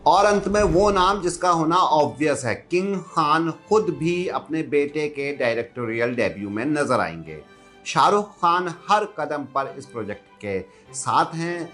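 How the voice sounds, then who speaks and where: A man's voice: on the high side, very animated, a little slow, a bit bright, faint music behind. A man reading a scripted entertainment news roundup in an upbeat, gossipy way.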